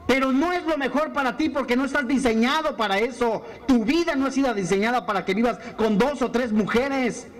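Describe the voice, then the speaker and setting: A male pastor with a strikingly high voice, preaching with fire. He drives his sermon along with pointed rhetorical questions.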